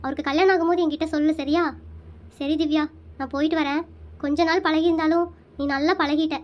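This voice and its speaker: A young woman with a broken heart, voiced by a performer, in a comic cartoon. She talks softly and quietly in a very high voice. Her delivery is gentle and withdrawn. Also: steady tone, quick pace, dull audio, close to an everyday voice. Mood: sad. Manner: soft, subdued.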